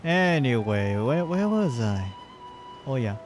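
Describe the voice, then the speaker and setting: A man's voice: medium pitch, sing-song, slow, soft background music. A man streaming a video game, rambling, stammering, swearing and joking as he plays. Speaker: VTuber streamer. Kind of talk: casual gaming live stream commentary.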